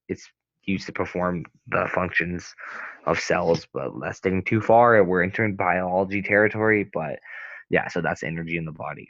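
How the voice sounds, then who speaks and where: A man's voice: low-pitched, a bit bright, no room sound. A young man tutoring a physics lesson in a casual, hesitant way, rambling with many restarts and fillers. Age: young adult. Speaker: student tutor. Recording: dull, lo-fi sound.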